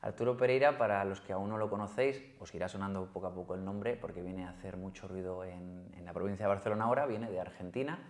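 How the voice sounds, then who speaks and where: Male podcast host, Spain accent, low voice, rapid delivery, echoey room. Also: fairly even intonation. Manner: quick introductory patter with fillers. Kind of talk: interview hosting.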